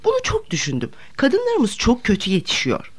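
A woman's voice: fairly high pitch, wildly swooping pitch, moderate pace, husky, pitched above the performer's own voice, exaggerated voice. A woman reading aloud, voicing a fussy, talkative young hostess who fancies herself progressive. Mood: animated chatter. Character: chattering vain young woman hostess, self-styled progressive. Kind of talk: audiobook character reading.

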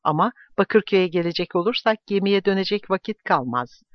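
A man's voice: high voice, lively intonation, fairly quick, no room sound, highs cut off, pitched above the performer's own voice. A man voicing a polite young sailor explaining himself in an audiobook.

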